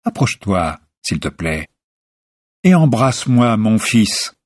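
A man voicing an elderly blind father giving a blessing, in a measured, solemn manner. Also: on the low side, big pitch swings, no room sound, full character voice.

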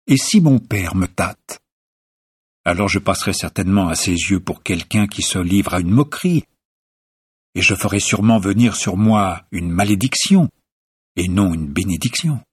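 A man's voice: sits low, expressive, normal speed, slightly rough, dry recording, clean studio sound, exaggerated voice. A man voicing an anxious younger son, speaking earnestly.

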